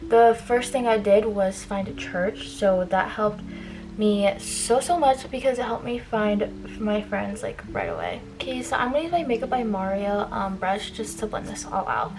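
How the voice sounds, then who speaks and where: A young adult woman does her makeup in a get-ready-with-me vlog, chatting informally and giving college advice with frequent "like" fillers and trailing asides. Her mid-range voice is animated and at normal speed, heard over music in a rough recording.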